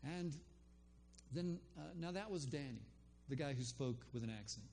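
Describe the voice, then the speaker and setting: An older man tells a personal faith story about a conversation, rambling loosely with lots of ums and restarts in a casual spoken testimony. His medium-pitched voice is expressive and dark-toned, at a normal speed, with a little hiss or hum on the recording.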